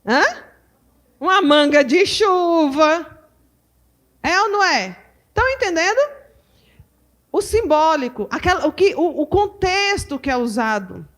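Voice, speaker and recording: A Brazilian woman teaching at a women's church conference, animated and full of rhetorical questions to her audience. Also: extremely high pitch, normal speed. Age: adult mother. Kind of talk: lively teaching talk to a live audience.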